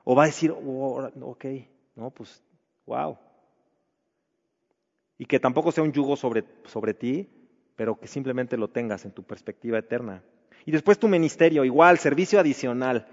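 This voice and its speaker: A man's voice: medium pitch, expressive, fairly quick. Preacher man, reverberant hall. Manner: conversational preaching with rhetorical questions. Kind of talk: sermon to married men. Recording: dull reverberant hall recording.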